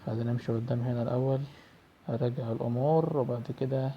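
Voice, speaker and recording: A man's voice: mid-range voice, fairly even intonation, rapid-fire, creaky, slightly rough, lo-fi sound. A young man with an Egyptian Arabic accent, commentating a horror game he's playing. He sounds jittery and prays under his breath. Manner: jittery, screams and prays when startled. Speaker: gaming youtuber.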